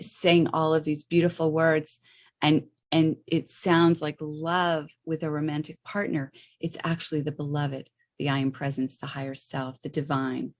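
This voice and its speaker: A middle-aged woman with a low, grounded voice talks through a spiritual practice like a teacher. Her delivery is loose and conversational, peppered with little check-ins to the listener. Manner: loose and chatty, with frequent okays and rights. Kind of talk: casual explanation of a meditation practice.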